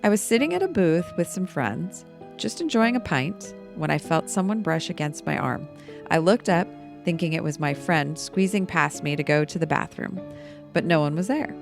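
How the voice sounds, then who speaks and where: An unnerved woman who drinks at the pub recounts her eerie tale in a hushed, quiet telling, read out by a woman. The voice is low and gravelly. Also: animated, normal speed, music in the background. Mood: hushed spooky.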